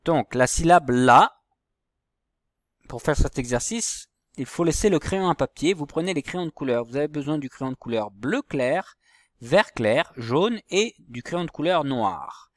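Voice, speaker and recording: Male primary teacher, very slow delivery, patient explaining, dry close recording. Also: a little high, animated, no room sound. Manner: slow, patient, spells out letters and syllables. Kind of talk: recorded handwriting and reading lesson for young pupils.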